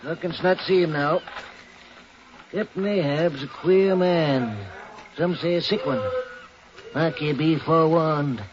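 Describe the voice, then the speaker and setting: Old whaling captain, gruff, high-pitched, archaic seafaring speech, audio drama, lo-fi noisy recording. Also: male voice, slow pace, long pauses, a crowd in the background. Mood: grave, warning. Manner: archaic sailor speech, thee and thou, emphatic. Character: gruff old Quaker whaling ship owner, grimly warning.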